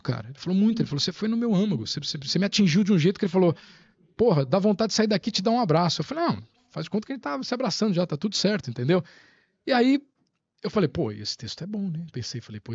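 A man's voice: high-pitched, slightly rough, no room sound, muffled recording. A man guest on a podcast, chatting casually and telling stories with lots of slang and acted-out quotes. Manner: animated storyteller, slangy, acts out quotes. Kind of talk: casual chat.

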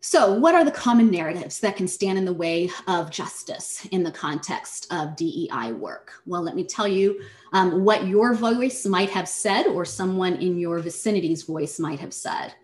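A woman leading an online workshop, explaining ideas in a measured way and speaking directly to her audience. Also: lowish voice, expressive. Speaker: presenter. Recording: roomy echo.

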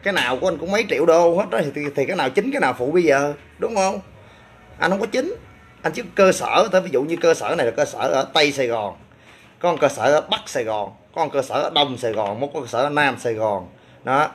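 A man's voice: a little high, lively intonation, quick pace, slightly rough. Brash joking man with a Southern Vietnamese accent. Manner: brash, boastful, crude joking banter. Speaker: gym owner answering livestream comments. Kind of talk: casual livestream chat.

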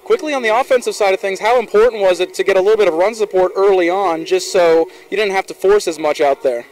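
A man's voice: high voice, quick pace, a little mellow, rough recording. Young male field reporter asking questions. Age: young adult. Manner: crisp scripted questions. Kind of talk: postgame interview. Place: outdoors on a baseball field at dusk. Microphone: handheld mic.

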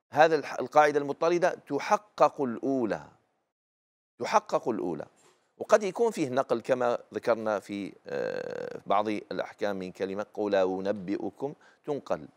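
Algerian man patiently teaching recitation rules. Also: mid-range voice. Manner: patient, explanatory, repeats key rules. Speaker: Quran recitation teacher and host. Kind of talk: live TV lesson on recitation rules, taking calls.

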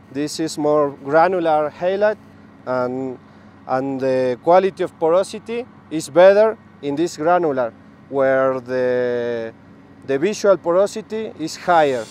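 Slow, halting male geologist. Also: fairly high pitch, a little mellow, slight background noise. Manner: slow, halting technical explanation. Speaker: junior geologist. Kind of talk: explaining samples on site. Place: outdoors at a drill site.

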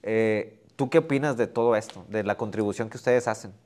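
A male host, asking questions in an earnest, measured way. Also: on the low side, darkish tone. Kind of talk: interview talk.

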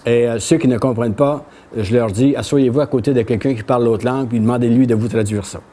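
This older man from Quebec speaks with a Québécois French accent, fairly even intonation, a quick pace and a dark tone. He lectures on history from a tablet to a small crowd in a brick-walled bookshop café, conversational and plain, reading quoted speeches at a lifted pitch.

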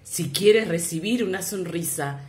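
A woman storyteller reading a fable aloud in measured, expressive scripted narration. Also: lowish voice. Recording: roomy echoey recording.

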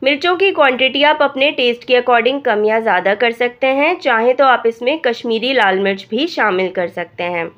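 A woman with a hoarse voice from a cold, calmly talking through a recipe step by step as a cooking channel host. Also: fairly high pitch, moderate pace, hardly any pauses. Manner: calm step-by-step instructing. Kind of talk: recipe voice-over narration. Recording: dull lo-fi voice-over.

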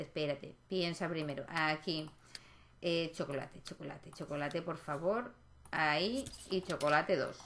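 A young woman chats her way through a life-simulation game, talking straight to her characters. Her voice sits at an ordinary middle pitch. A faint noise runs under the recording. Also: a bit bright. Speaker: gaming channel host. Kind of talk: casual gameplay commentary.

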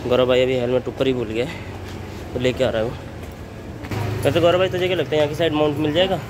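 A young man in his twenties vlogging casually to a handheld camera, chatty and relaxed, dropping in English phrases. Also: fairly high pitch, fast talker. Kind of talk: casual vlog talk to camera. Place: outdoors on streets and in a small shop. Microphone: handheld camera at arm's length. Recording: noisy outdoor street sound.

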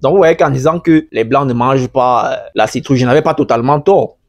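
A man's voice: mid-range voice, fast. A man hosting a farming channel, explaining a video to his viewers in a chatty way, speaking French as a second language. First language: not French. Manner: chatty, addresses viewers as friends. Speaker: agriculture channel host.

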